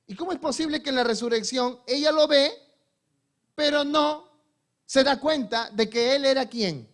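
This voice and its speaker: A male pastor preaching a sermon. He asks the congregation questions and answers them himself, and moves between soft, slow passages and loud, emphatic ones. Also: very high voice.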